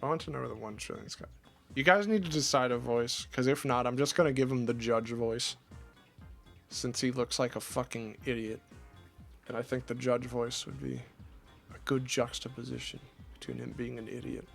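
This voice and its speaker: A male streamer talks casually while playing a game, rambling and restarting his thoughts often. His voice is bright and a bit sharp at a middle pitch. Faint game music plays behind him. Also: fairly even intonation, normal speed, gravelly. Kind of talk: casual chat while gaming.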